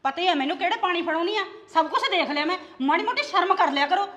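A woman playing a sharp-tongued, nagging middle-aged mother-in-law from Punjab in a village drama. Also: extremely high pitch, expressive, quick pace, dull audio. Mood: taunting. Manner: scolding, taunting. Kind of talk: amateur village drama acting.

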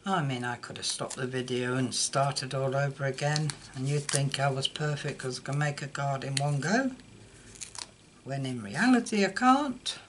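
At an indoor craft table, an older woman's extremely low voice moves at a moderate pace as she casually narrates a card-making tutorial, joking at her own expense. Only her hands appear on the overhead desk camera, and a little background noise comes through.

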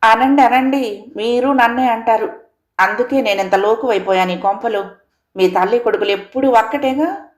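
A woman doing a sharp-tongued, resentful young daughter-in-law. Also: brisk, roomy sound, natural voice. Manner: sharp, raised, complaining pitch.

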